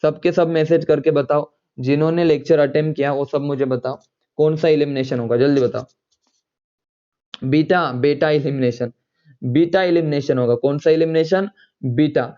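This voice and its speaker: Male chemistry teacher, a bit high-pitched, drills students with questions, lo-fi sound. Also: fairly even intonation, dark tone. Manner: repeats points, quizzes students with quick questions. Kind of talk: online chemistry lecture.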